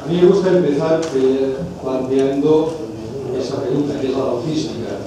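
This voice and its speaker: A man in his fifties from Catalonia with a Catalan accent, giving a conference lecture in a measured way, often pausing and restarting his phrases. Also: fairly high pitch. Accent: Catalan Spanish. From Spain, Catalonia. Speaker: conference speaker. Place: large conference hall. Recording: echoey hall from far off, noisy.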